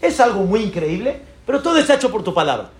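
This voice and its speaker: A man's voice: high voice, sing-song, fast talker. A man, a rabbi giving an emphatic sermon full of rhetorical questions and exclamations.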